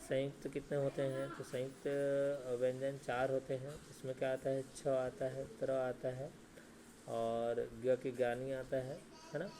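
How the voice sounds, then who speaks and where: A man teaching a grammar lesson who asks questions and answers them himself, often adding "ठीक है" and "है ना", and draws out sounds slowly to show them. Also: medium pitch, flat delivery, dark tone, slight background noise.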